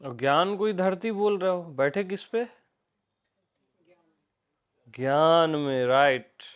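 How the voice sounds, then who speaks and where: A man's voice: on the high side, expressive, slow, clear, resonant tone, highs cut off. A man with an Indian accent giving an informal spiritual discourse, teaching by repetition and by asking his listeners questions.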